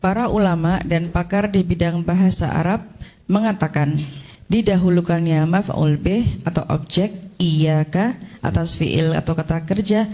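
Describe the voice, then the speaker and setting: A woman's voice: fairly low pitch, a little slow, dark tone. A woman in a mosque study class reading a translated religious commentary aloud when the teacher calls on her.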